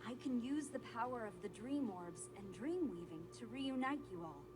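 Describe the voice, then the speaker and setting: A woman playing a gentle, earnest dream guardian in a video game, speaking in a measured, formal way. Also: a little high, lively intonation, close to an everyday voice. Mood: earnest, apologetic. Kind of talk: scripted video game voice acting. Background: game music.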